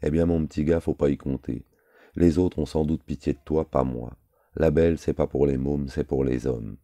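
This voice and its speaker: A swaggering bully of a driver mocks a younger man with slow contempt, as a male narrator puts him on. The voice sits very deep and dark, close and dry. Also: fairly even intonation, vocal fry, no room sound. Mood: sneering. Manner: taunting, contemptuous. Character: spiteful, swaggering male driver, sneering and cruel.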